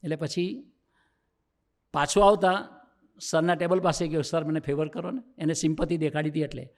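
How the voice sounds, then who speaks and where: A man's voice: a little high, steady tone, normal speed. A man with a Gujarati accent, a swami, gives a youth sermon as a personal story, acting out the dialogue and rising into emphatic preaching. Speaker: swami giving a youth discourse.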